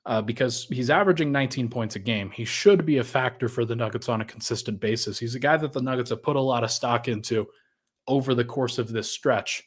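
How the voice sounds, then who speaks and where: A man's voice: mid-range voice, brisk, slightly rough. A man hosting a casual sports podcast, thinking aloud in a conversational way and sounding a little out of breath. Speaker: podcast host.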